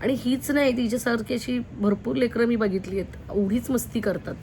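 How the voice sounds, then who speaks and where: A woman's voice: fairly high pitch, fairly quick, mellow, slight background noise. Chatty young mother vlogging at home. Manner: chatty, addresses viewers directly, asks them for advice. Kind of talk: casual home vlog. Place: at home, indoors.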